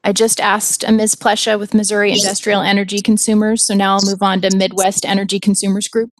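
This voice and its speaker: A woman's voice: medium pitch, flat delivery, fairly quick, no room sound. Woman judge, dry close sound, polite. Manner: polite, procedural. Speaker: judge presiding over a regulatory hearing. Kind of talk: formal hearing procedure. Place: remote hearing by audio and video link.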